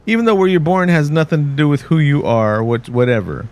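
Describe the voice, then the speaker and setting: A man's voice: on the high side, expressive, brisk, darkish tone. A man from Texas, co-hosting a podcast in rambling, jokey casual chat, often restarting mid-sentence. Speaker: podcast co-host.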